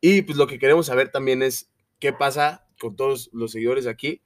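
A man's voice: mid-range voice, normal speed, far from the mic. A young man with a Mexican Spanish accent, co-hosting a casual podcast chat, full of slang, acting out what his parents say. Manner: slangy, animated, acts out his parents' voices. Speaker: podcast co-host.

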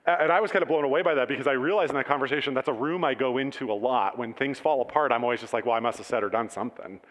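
A man preaching a conversational sermon, casual and animated, asking the congregation questions. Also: mid-range voice, racing. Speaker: pastor. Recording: long hall reverb.

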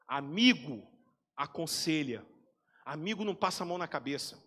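A Brazilian man preaching from the pulpit, his voice pitched high and carried by the long reverb of a church hall. He speaks with a Brazilian Portuguese accent and tells his story animatedly, jumping from loud exclamations to quiet, confiding asides. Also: normal speed. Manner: animated storyteller, swinging between loud bursts and hushed asides. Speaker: pastor. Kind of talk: storytelling sermon.

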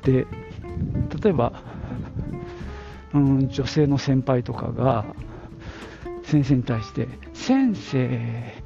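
Slow gravelly man musing on a podcast. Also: medium pitch, fairly even intonation. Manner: musing, thinking aloud with fillers. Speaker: podcast host. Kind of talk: casual solo podcast monologue. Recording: lo-fi with background music.

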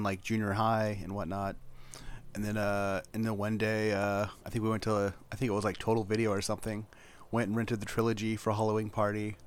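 A man with a fairly low voice hosts a casual podcast chat. He rambles loosely, full of fillers and restarts. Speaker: podcast host.

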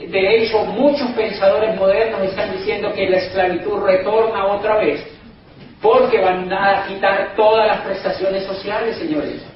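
A man giving an emphatic, persuasive business speech to a live audience, repeating his points and often calling out to the crowd. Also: sits high. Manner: emphatic, repetitive, keeps addressing the crowd as "señores". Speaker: motivational business speaker. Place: event hall in Madrid. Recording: very echoey hall, distant mic, dull sound, faint noise.

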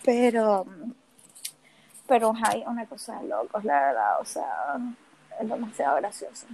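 A woman co-hosting a podcast, excitable and teasing, cutting in bossily. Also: fairly high pitch, measured pace, a little hiss or hum, low-quality recording. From Nicaragua. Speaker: podcast co-host. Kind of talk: casual chat.

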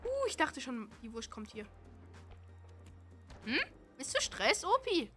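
Bright, lively woman teasing through a game. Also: high-pitched, slow pace, faint music behind. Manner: playful, teasing and taunting. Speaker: let's play host. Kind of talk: casual gaming commentary.

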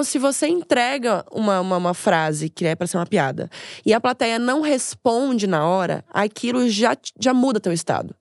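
A woman from Brazil, a stand-up comedian, chatting as a guest and telling lively stories with acted-out asides. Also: fairly high pitch, vocal fry, dry recording, clean studio sound. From Florianópolis, Brazil. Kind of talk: casual interview chat.

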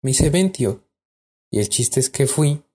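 A man with a Mexican accent, co-hosting a podcast, tells a spooky story about himself in a rambling, filler-heavy way with frequent restarts. His medium-pitched voice is dark and husky, moving at a moderate pace.

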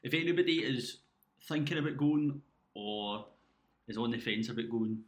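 A man's voice: mid-range voice, moderate pace. A man co-hosting a casual podcast, picked up by a laptop microphone with a muffled, underwater sound. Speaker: podcast co-host. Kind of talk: casual chat. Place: indoors at home.

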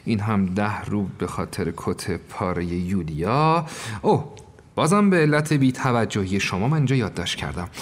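A man's voice: on the low side, lively intonation, pitched below the performer's own voice. Man playing a pedantic, lecturing employer. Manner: lecturing, counting aloud, rising indignation. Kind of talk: audio drama acting. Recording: long reverb.

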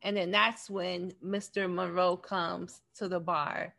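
A woman's voice: on the low side, level tone, slow, vocal fry, fairly bright tone. A woman co-hosting a casual film discussion, retelling scenes and acting out the characters' lines. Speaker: podcast co-host.

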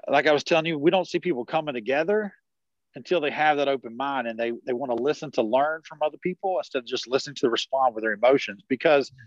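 A man's voice: medium pitch, no room sound. Man, 40s, rural South Carolina accent, rambling casual talk, restarts, video call, muffled dry audio. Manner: rambling, many restarts and fillers. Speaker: podcast guest, network marketer. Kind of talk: casual conversational interview.

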